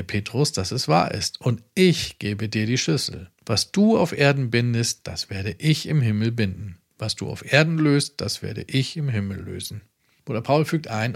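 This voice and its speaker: A man preaching a sermon emphatically, with sudden loud raised phrases. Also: mid-range voice.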